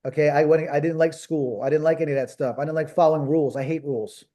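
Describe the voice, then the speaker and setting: A man from Philadelphia gives a coaching talk on a call. He is blunt and emphatic and hammers points home by repeating them. His voice sits a little high, with a soft, mellow tone. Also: steady tone, quick pace. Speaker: business coach.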